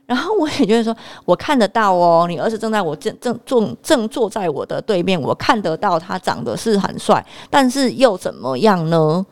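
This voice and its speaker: A young woman tells a personal anecdote straight to camera. Her voice sits in an ordinary middle register, and her delivery is animated and openly exasperated. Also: mid-range voice, moderate pace, few pauses. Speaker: vlogger. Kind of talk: storytelling to camera.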